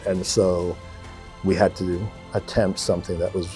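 A man's voice: deep voice, little pitch movement, unhurried, warm tone. A man speaking as the architect in an interview, reflective in tone. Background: music bed.

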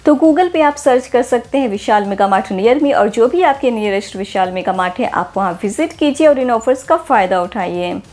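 A woman's voice: on the high side, expressive, normal speed, few pauses, a little mellow, faint music behind. A woman vlogging a walk through a store, upbeat, repeating prices and offers, recorded on a handheld phone indoors. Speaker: shopping vlogger.

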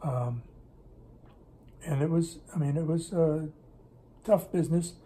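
Taking his time, an older man with a slightly high, warm voice tells stories about doing business in Russia. The casual interview happens indoors at his kitchen table, where he rambles and corrects himself while a camera set in front of him records.

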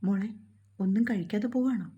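A woman's voice: medium pitch, a little fast, warm tone, muffled recording, close to an everyday voice. A woman voicing a kind, motherly older housekeeper who fusses and coaxes with worried questions. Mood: fussing. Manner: doting, coaxing questions.

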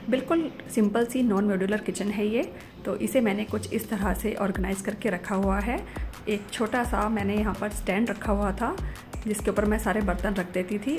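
Homely woman narrating a house tour. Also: medium pitch. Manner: gentle, homely, explaining step by step. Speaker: home vlogger. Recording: clear music bed behind the voice.

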